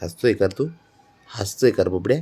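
A man with a low, dark, slightly rough voice talks at normal speed to his pet cat in a casual, doting way. He coaxes it and repeats the same questions over and over.

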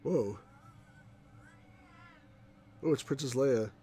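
A man's voice: mid-range voice, very slow, dark tone. A middle-aged man giving casual commentary as the host of a let's play. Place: small room at home, indoors. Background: faint game music.

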